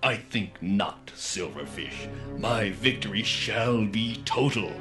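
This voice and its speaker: A slow, pompous cartoon supervillain. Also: male voice, on the low side, animated. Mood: smug, menacing. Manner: pompous, deliberate. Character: gloating, grandiose male supervillain mastermind. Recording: music behind the voice. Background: music.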